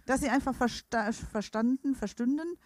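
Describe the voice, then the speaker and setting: A woman's voice: fairly high pitch, normal speed, a little mellow, dry recording, studio quality. A woman interpreting a sermon live into German, reading scripture and rendering each phrase with hesitations and self-corrections.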